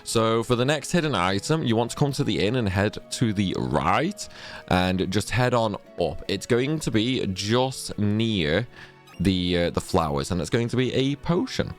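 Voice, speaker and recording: Over faint background music, a gaming guide creator talks through a casual walkthrough in a low, expressive, unhurried voice. He rambles, corrects himself often, and battles a sneezing fit, sounding stuffy from a cold.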